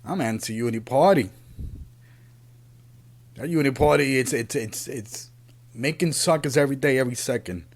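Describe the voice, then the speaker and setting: A podcast host born in Puerto Rico and raised in the Bronx, New York City, delivers an earnest, unscripted opinion monologue, frequently halting and repeating himself. His voice is medium-pitched and gravelly.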